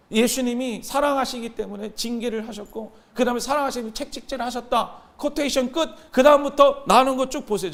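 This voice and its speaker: A man in his thirties preaching a sermon as pastor, animated, calling out to his congregation and waiting for replies. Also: very high-pitched. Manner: animated, call-and-response with the congregation.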